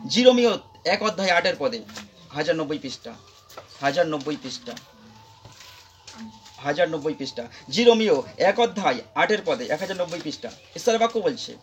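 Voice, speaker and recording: A Bengali-accented male pastor preaching in a very high voice, repeating his lines with fervent emphasis. A faint hiss of noise sits under the recording. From India. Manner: repetitive, emphatic preaching with rising calls. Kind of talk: sermon.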